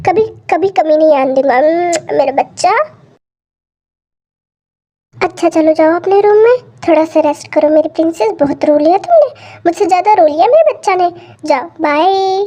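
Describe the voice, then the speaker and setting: A woman's voice: very high-pitched, lively intonation, moderate pace, dark tone. A young woman voicing a protective older brother who coaxes and soothes in a pleading tone. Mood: doting. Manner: coaxing, pleading tone.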